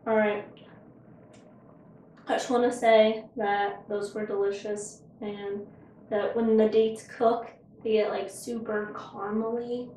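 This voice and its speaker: A woman's voice: medium pitch, flat delivery, slow, mellow, a little hiss or hum. A woman hosting a casual home cooking show, chatting and joking while she tastes her food in her kitchen. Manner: chatty, joking, talks with her mouth full. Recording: echoey kitchen, mic far off.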